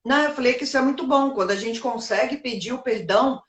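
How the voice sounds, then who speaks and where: Woman, live talk host, reflective, rhetorical questions, slightly high voice, roomy echo. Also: fast. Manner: reflective, poses rhetorical questions and answers them.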